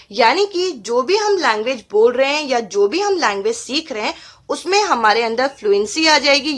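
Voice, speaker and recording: A woman teaches an exam-prep lesson in a high, animated voice. Her tone is bright and clear as she reads each point from the slide and then explains it. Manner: reads English points slowly, then explains them in Hindi.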